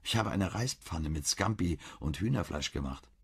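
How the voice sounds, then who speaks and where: A man's voice: sits low, expressive, normal speed, slightly rough, full character voice. Man doing a firm mother in her sixties.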